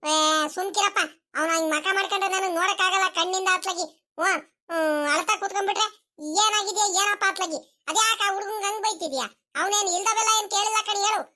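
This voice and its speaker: A woman voicing a gentle, protective village grandmother in a cartoon comedy, coaxing and pleading. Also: very high voice, fairly even intonation, fast talker.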